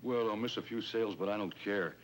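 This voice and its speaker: A lowish male voice, close to everyday speech, comes fast as he plays a swindled shopkeeper in a 1950s police drama. Wary and folksy, the robbery victim is hesitant and plain-spoken, earnest and rueful, heard on a noisy old film soundtrack.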